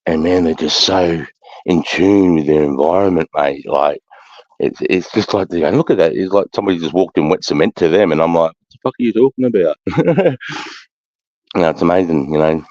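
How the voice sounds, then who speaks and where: A man's voice: a bass voice, fairly even intonation, fast talker, darkish tone. A man chatting casually on a livestream in a blokey, slangy way with heavy swearing. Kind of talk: casual chat. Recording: muffled, roomy livestream audio.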